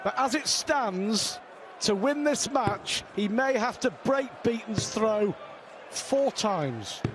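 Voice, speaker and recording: High-voiced male darts commentator, emphatic. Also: expressive, slow pace, fairly bright tone, some chatter behind. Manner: emphatic, repeats phrases for effect. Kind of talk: live sports commentary. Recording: clear venue noise behind the voice.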